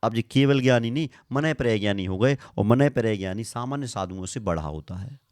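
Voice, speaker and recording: A man's voice: medium pitch, lively intonation, fairly quick, darkish tone, no room sound. Male scripture teacher, mid-range voice, dry close sound, patient and repetitive, checks understanding often. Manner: repeats lists, quizzes listeners, leads group recitation. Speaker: Jain monk teaching scripture. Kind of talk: classroom scripture lesson.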